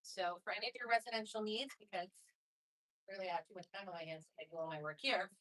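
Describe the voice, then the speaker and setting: Bright breezy woman introducing herself. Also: mid-range voice, fairly even intonation, fast talker, low-quality recording. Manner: breezy, self-deprecating humor. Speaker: real estate broker and council chair. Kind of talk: short self-introduction.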